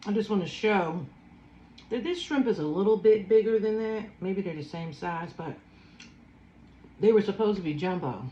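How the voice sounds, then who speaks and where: A woman's voice: medium pitch, expressive, dark tone, reverberant, highs cut off, slight background noise. A woman in her fifties with a Philadelphia accent, chatting casually while eating a seafood boil and savoring each bite. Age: 50s. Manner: slow, savoring, chatty with food sounds. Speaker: food vlogger.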